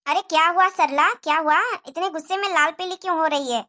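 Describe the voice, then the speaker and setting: A woman's voice: extremely high pitch, brisk, pushed and bright. A woman voicing an older, kindly aunt who speaks in a soothing, reasonable way in a cartoon moral story. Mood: calm.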